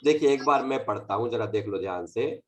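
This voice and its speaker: A man's voice: mid-range voice, expressive, brisk, recorded from a distance. A man teaching a scripture class online, explaining patiently and correcting recitation.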